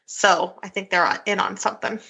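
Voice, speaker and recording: A woman with a bright, forward voice at an average pitch chats casually as a co-host. She sounds informal and a little tentative, thinking her opinions out as she goes. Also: steady tone, fairly quick, vocal fry, lo-fi sound. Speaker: podcast co-host. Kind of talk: casual group chat.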